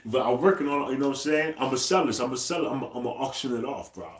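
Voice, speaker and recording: A man's voice: medium pitch, racing. A man in his forties, chatting casually on a live stream, talking in loose slang, ending nearly every phrase with "bro" and repeating himself to his viewers. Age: 40s. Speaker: livestreamer. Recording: echoey room.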